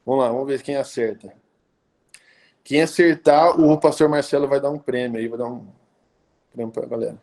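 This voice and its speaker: A pastor in his thirties from inland São Paulo, Brazil, speaks casually on a live stream at medium pitch and normal speed, with fairly even intonation, long pauses and a darkish tone. He sounds conversational, using many fillers and tag questions.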